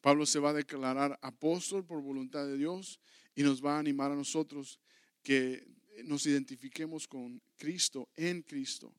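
A man's voice: a little high, fairly even intonation, normal speed, clean tone, no echo, studio quality. Earnest man preaching a Bible class. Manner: earnest, repetitive preaching with rising emphatic calls. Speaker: pastor teaching a Bible class. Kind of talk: sermon-style Bible teaching.

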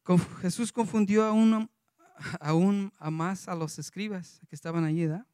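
A man's voice: sits high, fairly even intonation, unhurried, dark tone, clean tone, no room sound, clean studio sound. A man preaching a sermon, reading scripture aloud in a loose, conversational way.

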